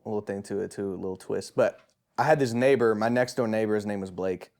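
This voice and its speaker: A young man co-hosting a podcast, telling a spooky story in a lively way, laughing and calling his friend bro. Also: on the low side, fast talker. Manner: animated, laughing, says bro a lot. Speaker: podcast co-host. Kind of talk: casual chat, telling a scary anecdote.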